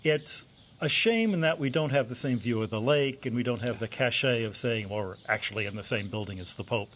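A man's voice: medium pitch, a little fast, a bit bright. Man explaining in an echoey, noisy hallway. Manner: storytelling, explains with rhetorical questions. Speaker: observatory astronomer giving a tour. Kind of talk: informal explanatory talk to an interviewer. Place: echoing indoor room of an old convent building. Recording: echoey indoor hallway, clear background noise.

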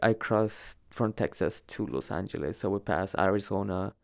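Speaking at normal speed, a young man born in El Salvador, with Spanish as his first language, casually relates how he migrated, sounding slightly hesitant. His voice is fairly low, clear and smooth, and he tends to say a word twice to stress it.

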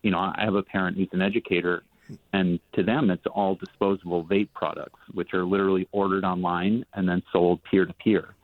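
Deep-voiced man calling in over the phone. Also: level tone, no echo. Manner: earnest and measured, with frequent ums and restarts. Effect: heard over a phone line. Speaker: caller to a radio call-in show. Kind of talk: call-in questions. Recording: dry, tinny phone line.

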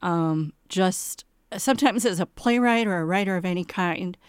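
A woman's voice: lowish voice, moderate pace, smooth, no room sound, studio quality. A woman playwright being interviewed about her work, speaking candidly with a self-deprecating, wry humor. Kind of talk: interview conversation.

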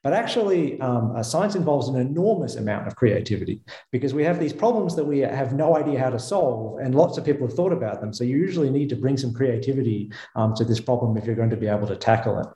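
A visiting physicist with an Australian accent answers questions on a radio show, thoughtful and self-correcting, with frequent fillers and restarts. His medium-pitched voice is warm, expressive, and quick, and the sound is roomy.

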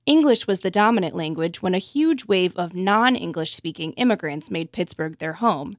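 A woman's voice: on the low side, lively intonation, normal speed, no echo, clean studio sound. A woman radio host reading scripted explanatory narration for a public radio podcast.

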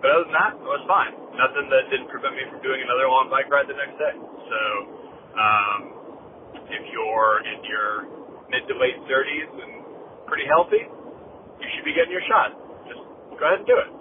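A man's voice: medium pitch, expressive, moderate pace. A man in his thirties leaving a chatty, rambling voice message as a listener calling in, played back over a phone line. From Massachusetts. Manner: chatty, rambling, upbeat then wistful. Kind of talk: casual voicemail update. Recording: tinny phone voicemail with loud background noise.

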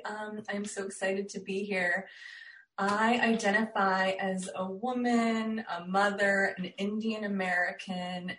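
A woman's voice: medium pitch, a bit bright. A woman psychotherapist introducing herself eagerly on a radio panel. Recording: roomy remote sound with faint noise.

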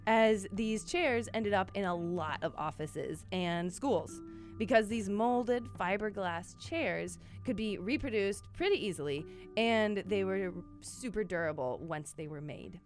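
A woman's voice: mid-range voice, measured pace, faint music behind. A woman hosting a podcast, narrating in a scripted yet casual, upbeat way with occasional fillers. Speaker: podcast host.

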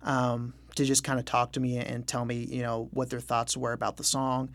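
Speaking at a moderate pace with completely flat delivery, this young musician has a medium-pitched, slightly bright voice. In a casual interview he's candid and self-deprecating, laughing lightly now and then.

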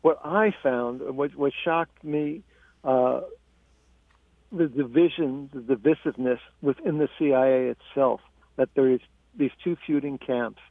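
Gravelly male author on a phone line. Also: mid-range voice, dry recording. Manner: measured, halting, with frequent restarts. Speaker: author being interviewed. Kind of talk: radio interview.

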